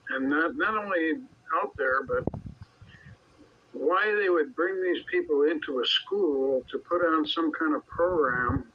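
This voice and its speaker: A man chatting casually over CB radio, giving his opinions in a plain-spoken, halting way. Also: on the high side, breathy edge. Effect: CB radio transmission. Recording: muffled noisy CB radio transmission.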